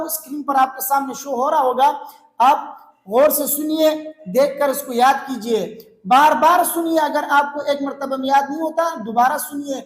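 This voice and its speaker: A man with a notably high voice gives a recitation lesson. He is patient and deliberate, repeating phrases slowly so they can be learned. The recording sounds roomy and echoey. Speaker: religious teacher.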